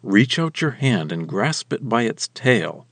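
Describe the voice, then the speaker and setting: A man voicing a stern, commanding male god in a slow, weighty scripture reading. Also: medium pitch, sing-song, fairly bright tone, dry recording, exaggerated voice.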